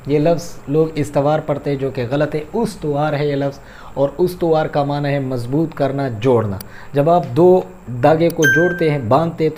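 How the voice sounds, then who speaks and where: A man lectures like a patient Urdu teacher, naming each word, giving its meaning and correcting how it is said. His voice sits slightly high, and there is a faint hiss in the background. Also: darkish tone. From Pakistan. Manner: explanatory, repeats words to correct pronunciation; addresses listeners as "janab". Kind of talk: lecture on vocabulary and grammar.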